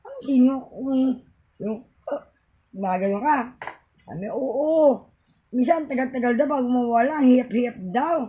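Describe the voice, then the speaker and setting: A woman's voice: sits high, normal speed, pauses often, mellow. A middle-aged woman with a Filipino accent, giving a home tip in a casual, rambling vlog and laughing often. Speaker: vlogger.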